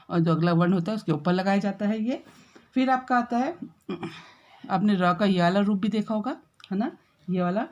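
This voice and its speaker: A woman teaching a school grammar lesson, explaining step by step, checking in often with her pupils and drawing out example words slowly. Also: mid-range voice, lo-fi sound. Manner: drawn-out, slowed example words.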